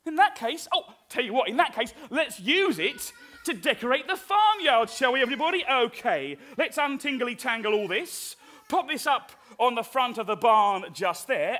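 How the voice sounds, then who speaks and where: A man presenting a live children's stage show on a theatre stage, excitable and giggly, full of oohs, talking to the audience. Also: extremely high pitch. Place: theatre stage with farm set.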